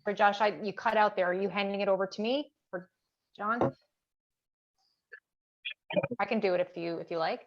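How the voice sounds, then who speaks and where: A woman's voice: medium pitch, fairly even intonation, moderate pace, long pauses, muffled recording. A woman presenting an online information session, organized and friendly with some fillers. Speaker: union staff member presenting. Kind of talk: online info session housekeeping.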